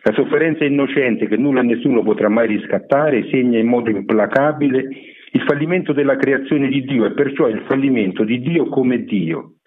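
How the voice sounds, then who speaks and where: A man giving a measured, explanatory radio lecture on literature. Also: medium pitch, slightly rough. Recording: narrow phone-like radio broadcast.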